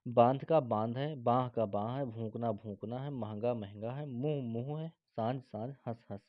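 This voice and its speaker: A man's voice: medium pitch, moderate pace. A male teacher works through spelling drills, saying each word twice and asking his students if they follow. The recording is dull and dry, with no room echo. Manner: reads word pairs aloud, repeats each, adds "ठीक है?". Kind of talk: spelling lesson for exam students.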